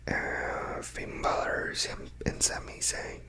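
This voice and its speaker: This is a hushed, quiet night-time whisper in a casual ASMR ramble. The delivery is slow, with a bright, sibilant edge to the breath. The speaker drifts loosely from thought to thought, often trailing off. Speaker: ASMR creator talking to followers.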